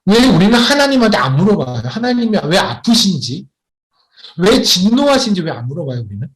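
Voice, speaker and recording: A man's voice: high-pitched, sing-song, brisk. A man preaching a sermon as a missionary, telling a personal story and asking emphatic questions.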